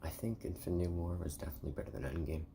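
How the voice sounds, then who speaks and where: A man giving a soft-spoken, partly whispered ASMR review in a hushed voice, rambling and haltingly rephrasing himself. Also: very deep voice, little pitch movement, creaky, background noise. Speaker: video reviewer.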